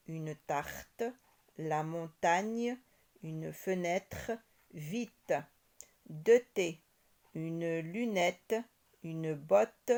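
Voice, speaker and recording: A woman teacher slowly reading syllables and words aloud for young children, articulating each one carefully. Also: low-pitched, darkish tone.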